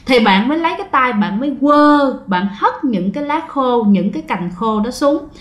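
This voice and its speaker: A woman telling a ghost story, chatting directly to her listeners. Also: on the high side. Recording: roomy echo.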